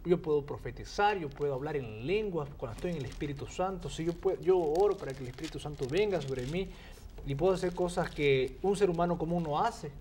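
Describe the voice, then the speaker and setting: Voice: medium pitch, brisk, dark tone, a little hiss or hum. A participant in a Bible study discussion, speaking plainly and asking where a text can be found.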